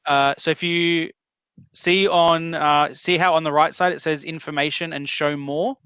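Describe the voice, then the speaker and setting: A man talking someone through steps in a calm, explanatory, reassuring way, like a support caller advising a victim. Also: fairly high pitch, unhurried, clean tone, dry recording. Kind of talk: phone support conversation.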